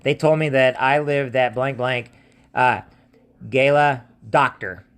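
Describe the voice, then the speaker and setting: This American man speaks slowly in a smooth, steady, slightly bright mid-range voice. Casual and insistent, he plays an identity theft protection seller in a scam-warning video, using plain words and repeating points as he addresses viewers and people on the phone.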